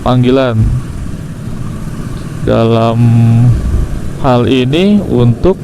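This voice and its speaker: While riding a motorcycle on the road, a young man tells a personal story for his motovlog in a casual, halting way, pausing mid-sentence. His mid-range voice is expressive with vocal fry, and the loud outdoor recording is full of engine noise and passing traffic.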